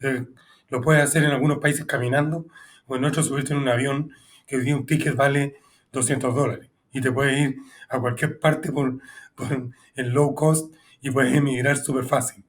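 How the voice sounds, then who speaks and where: A man's voice: medium pitch, steady tone, moderate pace. A man hosting an interview podcast, asking long and thoughtful questions in a conversational way. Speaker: podcast host.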